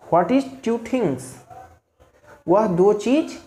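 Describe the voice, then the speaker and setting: A man's voice: high-pitched, lively intonation, very slow, warm tone. Male teacher in an echoey room. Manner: asks rhetorical questions and repeats key points. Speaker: English teacher. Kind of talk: spoken language lesson. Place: at home. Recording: roomy echo, faint ambient noise.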